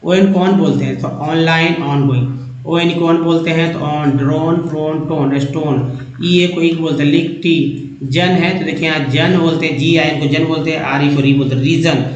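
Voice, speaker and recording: A man's voice: on the high side, fairly even intonation, moderate pace, slight background noise. A man teaching English reading, spelling out letters and then sounding out each word part, one by one. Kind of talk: phonics lesson, explaining word parts. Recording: echoey, dull lo-fi room sound.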